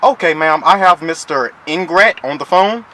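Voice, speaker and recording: Pretending to be a child support officer, this prank caller sounds stern, pressing and threatening, pushing hard in a mock-official style while politely saying "ma'am" again and again. His male voice is on the high side, with a sharp tone and moderate pace, heard over a phone call with slight noise.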